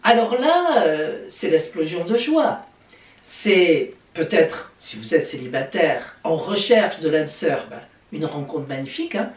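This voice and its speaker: Lively, chatty woman astrologer. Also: low voice, measured pace. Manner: lively and chatty, with playful exclamations. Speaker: astrologer and psychic. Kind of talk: weekly horoscope video talk. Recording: echoey room, voice a bit distant from the mic.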